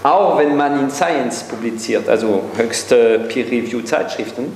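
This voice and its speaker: Older man, echoey hall, animated. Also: mid-range voice, a little slow. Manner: animated, gesturing widely, thinking aloud with many fillers. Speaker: guest speaker. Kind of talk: panel discussion answer. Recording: echoey hall with faint hum.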